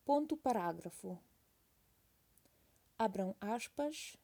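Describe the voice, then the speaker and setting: Woman teacher, dictation pace, each phrase said twice with punctuation spoken; unhurried, warm tone. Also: fairly high pitch, lively intonation. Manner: repeats each phrase slowly, calling out punctuation. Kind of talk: slow dictation with punctuation read aloud.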